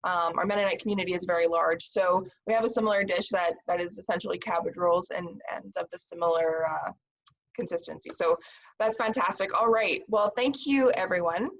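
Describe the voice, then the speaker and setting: A woman's voice: lowish voice, fairly quick, poor audio. A woman from Canada moderating a panel discussion over a video call, upbeat and encouraging as she introduces the guests.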